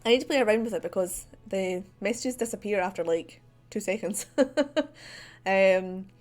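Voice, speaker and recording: Drawing at her home desk during a livestream, a Scottish streamer with a central belt accent talks easily into a desk microphone in a mid-pitched, chatty voice at normal speed. She drifts from thought to thought with lots of "um"s and small laughs while faint music plays softly behind her.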